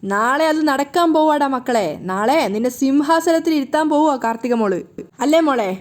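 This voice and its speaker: A woman's voice: high-pitched, moderate pace, natural voice. A woman voicing a proud, doting middle-aged father who boasts about his son. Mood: boastful. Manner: boastful, fond.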